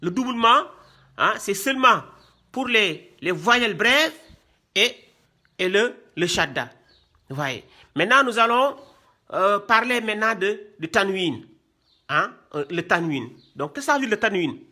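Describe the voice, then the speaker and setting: A Quran reading teacher speaks unhurriedly in a high-pitched, sharp voice with big pitch swings, pausing often. Teaching a class to read Arabic script, he repeats every point, drills the terms, and asks "voyez bien" and "hein".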